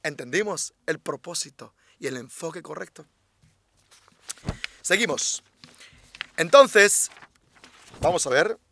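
A man's voice: a little high, expressive, takes it slowly, vocal fry, pauses often, pushed and bright. A man, a rabbi, giving a religious class, emphatic and fond of repeating his key phrases and asking rhetorical questions.

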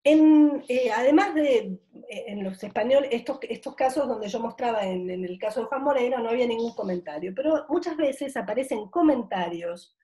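A middle-aged woman, a university professor, giving an academic conference talk in a thoughtful way, often pausing on drawn-out fillers as she searches for words. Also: fairly high pitch, lively intonation, warm tone.

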